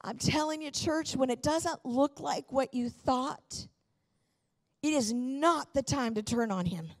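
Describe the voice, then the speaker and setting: On stage in a large church auditorium, a middle-aged woman pastor preaches into a handheld microphone, her voice high and her pace slow. Her sermon weaves in personal stories, delivered emphatically and fervently with repeated phrases.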